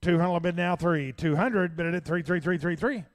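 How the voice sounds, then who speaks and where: A man working as an auctioneer, calling bids in a rapid, folksy, repetitive chant. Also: sits high.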